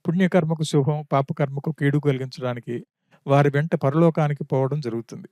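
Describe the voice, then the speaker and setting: A man voicing a calm, wise monkey counselor who consoles a widow with steady, sermon-like reasoning. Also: a little high, dry recording, clean studio sound, natural voice.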